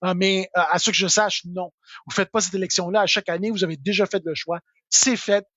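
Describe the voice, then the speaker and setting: Québécois man with a high voice. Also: fairly even intonation, fairly quick, sharp tone, no room sound, lo-fi sound. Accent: Québécois French. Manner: informal, full of filler words and tag "là". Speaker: tax software expert answering questions. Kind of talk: live Q&A.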